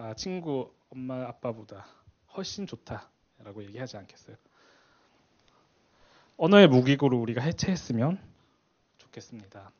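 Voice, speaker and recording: A man's voice: mid-range voice, darkish tone, dull audio. A man in his forties giving a casual church parenting talk. He laughs often and acts out quoted lines. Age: 40s. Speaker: parenting class speaker at a church.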